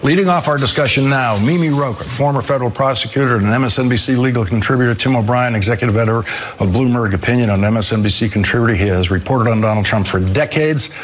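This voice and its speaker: A man in his sixties hosting a news program, delivering a measured, emphatic commentary monologue. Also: mid-range voice, slight background noise. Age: 60s. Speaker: news host.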